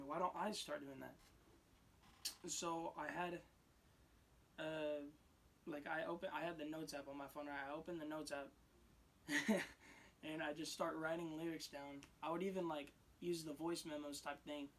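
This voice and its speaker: A raspy-voiced teenage boy rambling casually into his phone camera, restarting sentences and swinging between loud and quiet. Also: a little high, level tone, moderate pace. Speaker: vlogger. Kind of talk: casual unscripted vlog.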